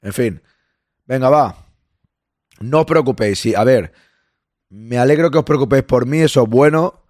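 A hoarse man runs a casual live stream, greeting listeners by name and reassuring them. His voice sits at an ordinary pitch and sounds dry and close, with no room around it. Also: moderate pace, pauses often, darkish tone, no room sound. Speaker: podcast host reading live chat.

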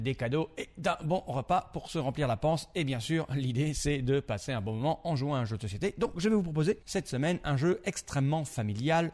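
A man's voice: medium pitch, a little mellow. A man presenting a weekly board game review segment, explaining the rules in a chatty, direct way to the host.

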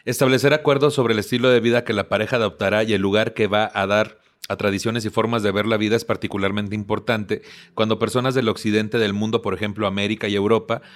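A Mexican-accented man hosting a relaxed conversation. His voice sits fairly low, and he trades jokes and teasing asides with his guests. At times he turns steady and explanatory as he reads prepared text. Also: fast. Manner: joking, reads advice text aloud. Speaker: podcast host. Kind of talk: casual chat with guests.

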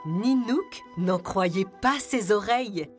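A woman narrating a children's story in a gentle, expressive way. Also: mid-range voice, slow. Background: music.

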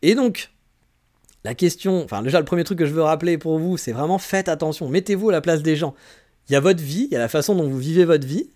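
A man's voice: fairly high pitch, quick pace, a little mellow. A man from France hosting a podcast, telling travel anecdotes in a slangy, chatty way with lots of fillers and restarts. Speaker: podcast host. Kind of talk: casual storytelling monologue.

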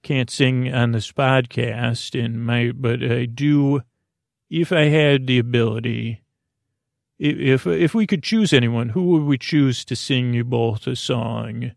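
On his sleep podcast, a creaky-voiced man in the mid range drifts through an absurd, wandering bedtime monologue, halting, trailing off, and starting again. It's recorded in studio quality, free of echo.

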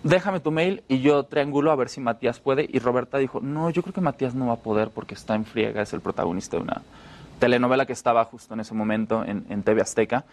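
A man with a Mexican accent, an actor chatting as a guest and telling stories in a loose, relaxed way with restarts. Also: mid-range voice, fast talker. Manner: relaxed storytelling, fillers and restarts. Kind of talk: casual interview chat.

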